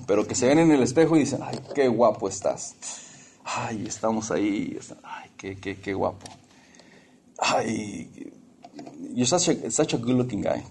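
A man's voice: medium pitch, a little mellow. Conversational male preacher. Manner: conversational, repetitive, lightly humorous. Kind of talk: sermon.

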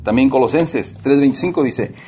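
A man's voice: mid-range voice, moderate pace, dark tone, slight background noise. A man preaching a casual, conversational sermon, often repeating and restarting his words.

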